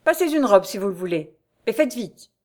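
A woman's voice: mid-range voice, very animated, normal speed, a little mellow. A woman voicing a jaded male police officer who speaks dryly and curtly. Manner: dry, curt.

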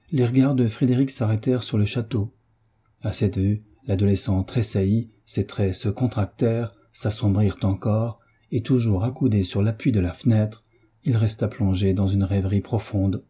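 A man narrating a classic novel as an audiobook, in a measured, even manner. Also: fairly low pitch, slightly rough.

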